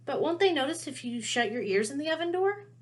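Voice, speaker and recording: A woman's voice: high voice, very animated, brisk, pitched above the performer's own voice. A woman voicing an earnest, bewildered schoolboy wizard with an insistent, questioning manner in a storybook reading. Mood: curious.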